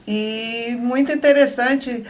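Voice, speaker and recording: Middle-aged woman, faint para accent worn down by years abroad, kinda high voice, chatty and laughy. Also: fairly even intonation, slow. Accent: faint Pará Brazilian Portuguese, softened by years abroad. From Belém do Pará, Brazil. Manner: chatty, laughs often while telling her story. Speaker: guest entrepreneur. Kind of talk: casual interview conversation.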